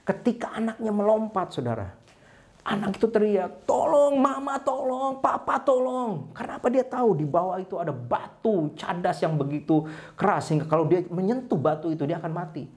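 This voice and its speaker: A male preacher delivering an animated sermon. His pitch leaps high for acted-out cries and sinks low and quiet at the end of each phrase. He tells the story with expressive energy. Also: a little fast. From Indonesia. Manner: animated storytelling, acts out a crying eaglet; ends phrases with a low, soft address to listeners. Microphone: online service broadcast.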